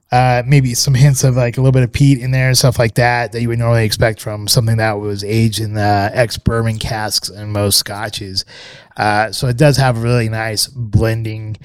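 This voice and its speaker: A man's voice: medium pitch, no echo, studio quality. A man co-hosting a podcast, giving a casual, rambling review full of fillers and restarts. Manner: relaxed, hesitant, many fillers and restarts. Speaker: podcast co-host reviewing scotch.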